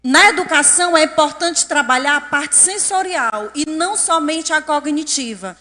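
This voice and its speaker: High, bright woman in a reverberant hall. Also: lively intonation, normal speed. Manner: asks the audience questions often. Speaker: speaker at a public event. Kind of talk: lecture to an audience. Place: council chamber.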